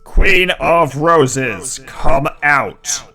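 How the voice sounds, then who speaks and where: A man voicing a wrathful male villain in a tabletop game, speaking in a slow, booming, magically amplified voice. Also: lively intonation, gravelly, full character voice. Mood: commanding. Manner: slow, loud proclamation.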